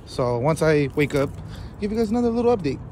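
A man's voice: a little high, sing-song, fast, over a noisy crowd. A young man filming a casual road-trip vlog on his phone, loose, profane and joking with friends. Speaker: vlogger. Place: gas station, car and new house. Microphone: handheld phone camera.

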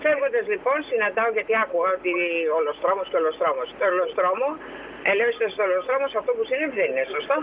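A woman's voice: mid-range voice, sing-song, slight background noise. Indignant woman on a phone line. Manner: agitated, indignant, fast retelling with quoted dialogue. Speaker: mother phoning in to a show. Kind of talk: phone-in interview, recounting a complaint.

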